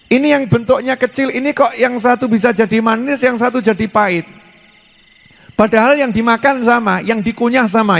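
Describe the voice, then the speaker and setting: Brief: a male preacher, high voice, teasing questions to the audience, echoing through a big hall. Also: vocal fry. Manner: playful, asks the audience questions, slips into dialect words. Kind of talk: informal sermon to a women's gathering. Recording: long hall reverb.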